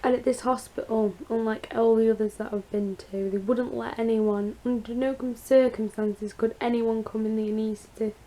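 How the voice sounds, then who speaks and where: A woman with a croaky, creaky voice after surgery, chatting casually in a rambling, confiding personal vlog update. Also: a little high, fairly even intonation, moderate pace, few pauses, dark tone. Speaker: vlogger.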